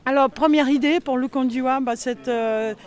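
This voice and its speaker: A villager on local radio gives a casual street interview about village life, stumbling through many fillers and hesitations. His very high voice is clear and resonant, steady in tone, at a normal speed.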